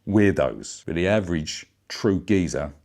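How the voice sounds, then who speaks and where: A man's voice: low voice, animated, unhurried, a little mellow. A middle-aged man delivering a brash, bawdy satirical comedy rant. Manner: brash, bawdy, blokey banter. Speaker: vlogger.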